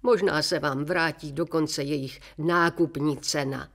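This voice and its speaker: A woman reading a children's story aloud, voicing a stern, kindly old woman who speaks briskly and firmly. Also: sits low, fairly even intonation, a bit bright. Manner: brisk and firm.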